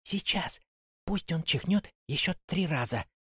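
A reader voicing a crying wooden puppet boy in a very high, squeaky voice, wailing and pleading with mock politeness. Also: lively intonation, normal speed, no echo, clean studio sound. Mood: wheedling. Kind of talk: reading a children's play script aloud.

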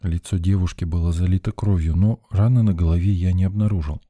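A man's voice: low voice, steady tone, fairly quick, dark tone, no echo, clean studio sound. A man reading a first-person story in a tense, urgent narrating voice. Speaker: audiobook narrator.

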